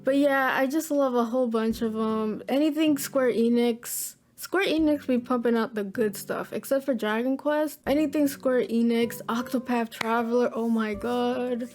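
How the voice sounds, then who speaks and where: A woman's voice: a little high, moderate pace, few pauses, a little mellow, soft background music. Chatty woman in her twenties. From Florida, USA. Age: 20s. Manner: chatty, upbeat, slangy. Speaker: gaming YouTuber. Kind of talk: casual Q&A vlog. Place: at home at her computer.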